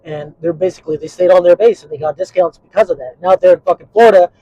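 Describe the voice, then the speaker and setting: Husky guy rambling on a vlog, cussing a lot, dry close sound. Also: high-pitched, fast talker, mellow, dry recording, lo-fi sound. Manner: profane and rambling, with frequent fillers. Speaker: vlogger. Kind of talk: casual rambling monologue.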